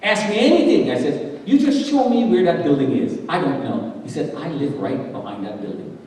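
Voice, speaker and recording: Heard from a distance in an echoey church sanctuary, a guest speaker delivers a dramatic testimony sermon, voicing the people in his story. He has a fairly high, darkish voice with big pitch swings and a moderate pace.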